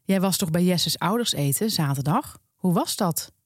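A small, wiry young woman who questions and teases her friend bluntly, voiced by a woman reading a column. Her voice sits low and a little husky, recorded dry. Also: expressive, normal speed, no echo. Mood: curious. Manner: blunt, teasing.

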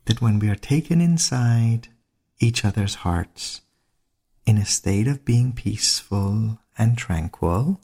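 A man giving a slow, reflective spiritual talk on mysticism, with deliberate phrasing and dramatic pauses. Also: on the low side, expressive, dark tone, husky. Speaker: lecturer on mysticism.

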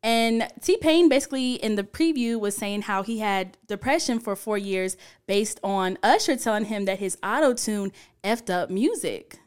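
A woman's voice: medium pitch, normal speed, smooth. A woman co-hosting a podcast with casual, conversational commentary. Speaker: podcast co-host.

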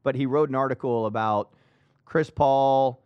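A man hosting a casual sports talk show, emphatic and animated, often restarting his sentences. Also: mid-range voice, a little slow, clean tone, no room sound, dull audio.

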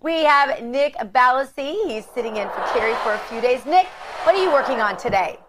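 A woman's voice: high voice, lively intonation, a little fast, noisy background. A woman hosting a news show, handing off to correspondents with chatty, laughing asides. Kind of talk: cable news anchoring.

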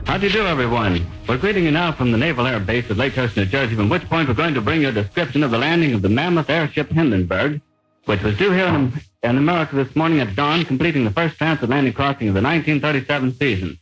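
A man making a brisk, formal live announcement, heard on an old scratchy 1930s radio recording from a distance. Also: mid-range voice, lively intonation, a bit bright, husky, soft background music. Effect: old 1930s archive recording. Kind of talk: live on-site radio broadcast.

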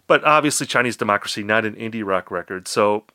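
A man's voice: on the low side, fast, bright, forceful tone, no room sound, clean studio sound. A man co-hosting a music podcast, chatting casually and playfully with his co-host. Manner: chatty, playful, slips into put-on accents. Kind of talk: casual chat.

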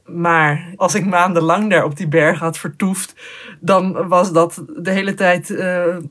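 A young woman telling a personal hiking story in a reflective way, pausing often with fillers and restarting sentences. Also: on the low side, steady tone, fairly bright tone. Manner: hesitant, many fillers and restarts.

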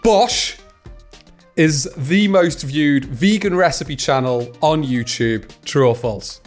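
A man with a fairly high voice hosts a podcast, upbeat and playful as he quizzes his guest, with faint music underneath. He trails into soft fillers when he's thinking. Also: slow. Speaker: podcast host. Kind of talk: interview and scripted outro.

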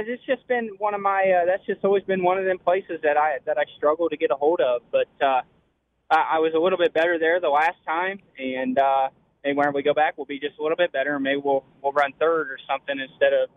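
A man talking on the phone while driving, as a racing driver in a casual interview, halting and repeating words with many fillers. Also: on the high side, no room sound. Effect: heard over a phone line. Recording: tinny dry phone line.

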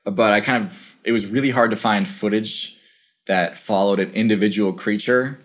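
A man's voice: fairly low pitch, fairly even intonation, moderate pace, a bit bright. A young man speaking as an interview guest over a video call, musing thoughtfully with lots of "like" fillers. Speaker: interview guest, channel creator. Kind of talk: casual conversational interview.

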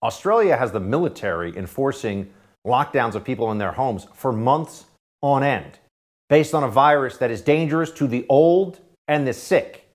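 A man hosting a political talk radio show, delivering sarcastic commentary that swings between loud jabs and quiet asides. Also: medium pitch, animated, normal speed. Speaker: radio host.

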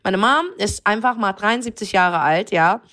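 A woman guest in an interview, talking in an energetic, emphatic, motivational way. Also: medium pitch, normal speed. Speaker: guest, motivational event speaker. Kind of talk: casual interview talk.

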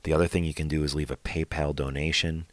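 A man's voice: rumbling low, flat delivery, quick pace, no echo. A man hosting a podcast, chatting in an upbeat, enthusiastic way as he gives the intro and plugs. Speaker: podcast host.

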